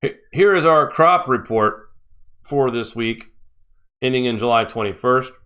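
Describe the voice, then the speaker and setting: A man's voice: medium pitch, measured pace, pushed and bright, smooth. A man hosting a live-stream news show, giving mocking, sarcastic commentary.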